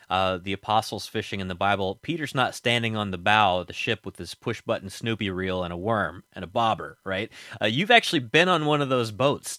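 A man's voice: lowish voice, sharp tone, no room sound, clean studio sound. A man hosting a morning radio talk show, asking questions in a casual, conversational way.

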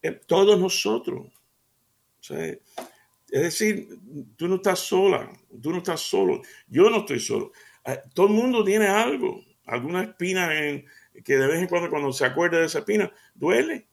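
A man's voice: high voice, lively intonation, moderate pace, creaky. An older man hosting a radio devotional, talking in an earnest, folksy way with many hesitant fillers.

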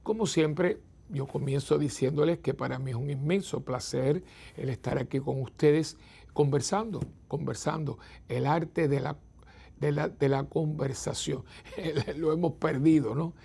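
A priest hosting a program, chatting to his viewers in an unhurried, reflective way, repeating words and adding little tag questions. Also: fairly high pitch, creaky, dark tone, husky. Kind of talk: conversational talk to viewers.

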